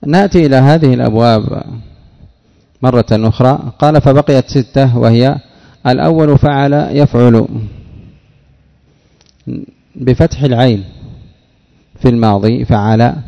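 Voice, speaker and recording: A man teaching a classroom lesson, putting questions to his students and drilling word patterns slowly. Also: medium pitch, creaky, dark tone. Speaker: teacher of Arabic morphology. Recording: dull audio with long hall reverb.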